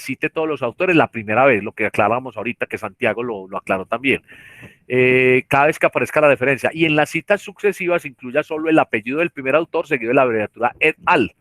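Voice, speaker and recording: A man's voice: mid-range voice, a bit bright, dry recording. Colombian man teaching a virtual class. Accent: Colombian Spanish. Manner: explanatory, repeats tag questions, frequent restarts. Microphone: computer mic on a video call.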